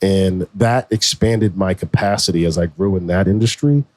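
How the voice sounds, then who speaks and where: A man in his forties, a podcast co-host, telling his story in a relaxed, slangy way. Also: low-pitched, normal speed, dry recording. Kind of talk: casual conversation.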